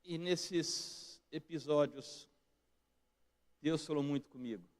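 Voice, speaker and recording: A man with a Brazilian Portuguese accent preaching a sermon as pastor in a church, moving between quiet reflective passages and loud emphatic peaks. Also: fairly high pitch, slow pace. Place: church sanctuary.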